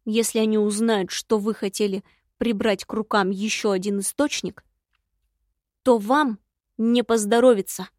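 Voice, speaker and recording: A shaggy little male imp speaks in a quiet, guileless voice, as a woman reader plays him. He sounds like a simple-hearted helper who stays hushed. The sound is dry and close. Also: medium pitch, fairly even intonation, a little slow, no echo, lightly acted. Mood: indignant. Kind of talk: audiobook character reading.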